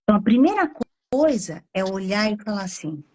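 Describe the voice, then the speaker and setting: A Brazilian woman psychologist explaining on a live stream, acting out inner thoughts with drawn-out, expressive emphasis. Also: mid-range voice, a little hiss or hum. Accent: Brazilian Portuguese.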